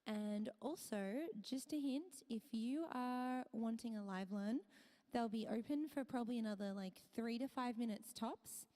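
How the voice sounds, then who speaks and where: A woman livestreaming as a singer speaks in a casual, chatty way. Her voice is a little husky, mellow and pitched somewhat high. A long reverb tail hangs after each phrase. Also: unhurried. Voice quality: slightly husky voice. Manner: chatty, thanks viewers and restarts phrases. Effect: reverb added to the voice.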